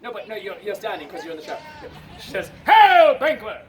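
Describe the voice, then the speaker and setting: A man telling a story to a live festival crowd as a comedy performance, giving his volunteers animated stage directions and shouting now and then. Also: high-pitched, quick pace. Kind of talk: live audience-participation comedy retelling. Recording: far-off echoey outdoor crowd recording.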